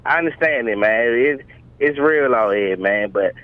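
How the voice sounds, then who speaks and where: A man's voice: mid-range voice, animated, normal speed. A man calling in to a podcast, speaking in an easygoing, supportive way. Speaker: caller. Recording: dry tinny phone line.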